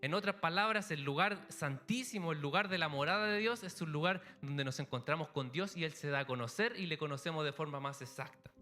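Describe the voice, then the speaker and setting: A man's voice: a little high, pushed and bright. A man preaching a sermon to a church congregation, telling everyday stories in a conversational way. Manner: conversational preaching with illustrative anecdotes. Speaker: pastor.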